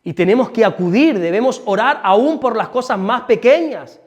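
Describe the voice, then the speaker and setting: Man, pastor, high voice, lively sermon, acts out quoted voices, church service. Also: normal speed. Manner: animated storytelling preacher, acts out quoted speech.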